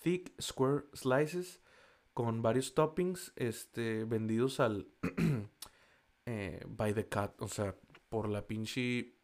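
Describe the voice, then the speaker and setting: A man's voice: medium pitch, drawn-out words, darkish tone. A man with a Mexican accent chatting casually in slangy, profane Spanish, stumbling over foreign food names as he reads a list. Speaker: vlogger. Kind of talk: casual chat reading a list.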